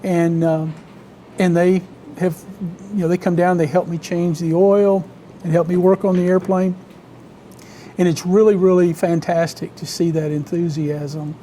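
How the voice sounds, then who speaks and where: A man with a Southern US accent from Alabama, telling stories conversationally as an interview guest, in a halting, measured way with frequent pauses. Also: high-pitched, level tone, mellow, a little hiss or hum. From Alabama, United States. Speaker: interview guest, vintage biplane owner and pilot.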